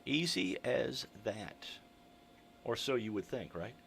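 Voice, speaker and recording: A man's voice: medium pitch, sing-song, slow pace, creaky, a bit bright, slight background noise. A man hosting a live local radio call-in contest, chatting casually in a folksy, rambling way with dry humor. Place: radio studio.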